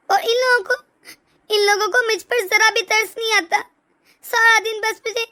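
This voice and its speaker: A spoiled, tearful young bride in an animated family story, voiced by a woman. Her very high, bright voice sobs and whines as she complains. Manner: sobbing, whiny.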